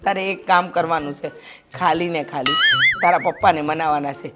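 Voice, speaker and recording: A woman's voice: low voice, fairly even intonation, fairly quick, loud music behind the voice, close to an everyday voice. An actress playing a kind-hearted middle-aged mother who talks earnestly and persuasively. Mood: persuading. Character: kind-hearted mother, lecturing her grown son. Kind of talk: short film drama acting.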